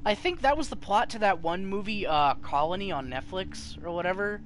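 Higher-voiced man streaming a game. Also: animated, brisk, a bit bright, slight background noise. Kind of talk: casual gameplay commentary. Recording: game music behind. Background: video game music.

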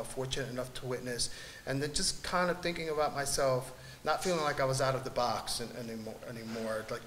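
Halting middle-aged man in an echoey gallery. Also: mid-range voice, fairly bright tone. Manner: gesturing, halting with many "uh" pauses. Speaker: panelist artist. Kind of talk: reflective panel talk. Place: large gallery room with audience. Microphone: table mic on stand. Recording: echoey gallery room, faint noise.

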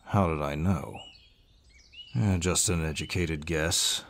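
A male actor plays a large, gruff but kindly barbarian warrior in a scripted audio roleplay, addressing the listener in a deep voice. Heavily acted, his delivery is measured and reassuring, with pauses and sighs, and his mood is grave and weary. Birdsong forest sound effects play in the background.

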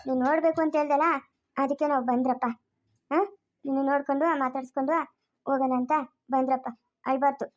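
A woman's voice: high voice, flat delivery, quick pace, pauses often, darkish tone, natural voice. A woman acting a tearful villager in an amateur family drama, speaking in an emotional, pleading way. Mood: consoling.

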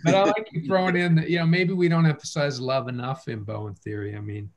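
A man's voice: fairly high pitch, steady tone, brisk. Man hosting a casual video-call talk. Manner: conversational, thinks aloud with restarts. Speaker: host of an online family-studies program.

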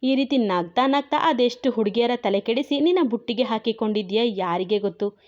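Feisty young wife voiced by a woman, quick scolding chatter, fairly high voice, lo-fi audio. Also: a little mellow, natural voice. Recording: dull lo-fi recording.

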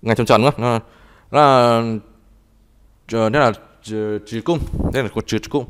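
A man teaching a live online language class, talking haltingly and repeating words as he types and explains. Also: mid-range voice, smooth. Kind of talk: live online tutoring session.

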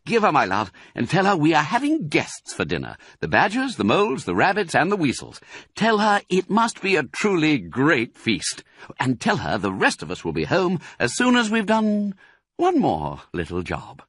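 A man's voice: fairly high pitch, huge pitch swings, moderate pace, a bit bright, husky, no room sound, clean studio sound, pitched above the performer's own voice, full character voice. Man voicing exuberant Mister Fox, swooping theatrical delivery. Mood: affectionate, brisk. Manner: theatrical, exclamatory, relishing words. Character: exuberant, proud, bossy adult male fox, a doting father.

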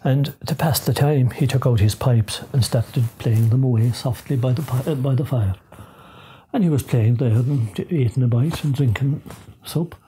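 A man in his sixties with a rural western Irish accent tells folklore in a lilting, dramatic way, with deliberate pauses and repetitions. His voice is husky. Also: mid-range voice, mellow, a little hiss or hum, rough recording. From Ireland. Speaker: storyteller of folklore. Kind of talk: traditional oral storytelling. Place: small living room, seated in armchair.

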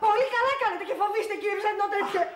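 An actress playing a fiery, jealous woman who scolds and threatens loudly. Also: extremely high pitch, reverberant, heavy background noise. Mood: furious.

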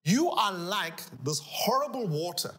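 A middle-aged man, a pastor, teaching scripture on a talk show in an animated, emphatic way, repeating key phrases. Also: high voice, a little slow. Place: living-room studio set, indoors.

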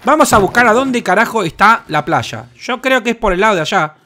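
A young man with a Rioplatense Spanish accent, commenting on his gameplay in an excitable, crude way with lots of swearing. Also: sits high, fairly quick, a little hiss or hum. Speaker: gaming host.

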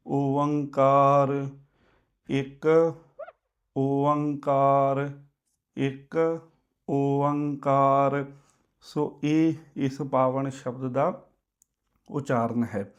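A man teaching the pronunciation of a sacred word. He repeats it in slow, drawn-out recitation and explains it patiently. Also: mid-range voice, lo-fi sound. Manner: slow drawn-out demonstration chanting. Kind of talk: recitation lesson.

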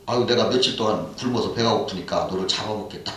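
A preacher doing a greedy, menacing tiger. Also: male voice, fairly low pitch, quick pace, fairly bright tone, a little hiss or hum, lightly acted. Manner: blunt, threatening storybook speech. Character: ungrateful hungry male tiger, menacing and sly. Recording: echoey church hall, mic far off.

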